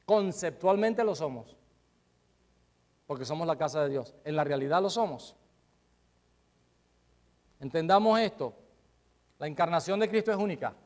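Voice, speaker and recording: A male pastor preaching a sermon, swinging between loud emphasis and quiet asides and asking the congregation rhetorical questions. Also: on the high side, expressive, moderate pace, long pauses.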